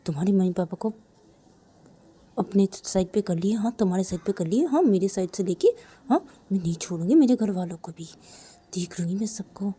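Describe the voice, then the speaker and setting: Brief: a pouting, jealous young woman muttering threats, mellow tone, a woman narrator voicing her. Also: mid-range voice, animated, a little fast, husky. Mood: muttered threats.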